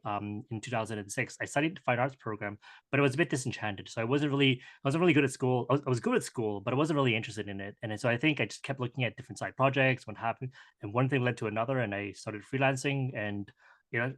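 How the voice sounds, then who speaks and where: A man's voice: medium pitch, a bit bright. A man in his thirties, from Hong Kong and raised in Canada, answers interview questions in a conversational way, often restarting his sentences. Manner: conversational, halting with many restarts and fillers. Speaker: guest entrepreneur.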